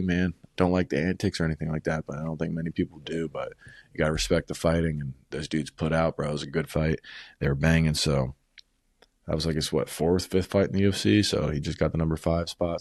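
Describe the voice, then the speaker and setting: A man's voice: extremely low pitch, no room sound, studio quality. A man casually recapping fight events at home, rambling and swearing, tossing in "bro" and "man" constantly. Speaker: combat sports vlogger.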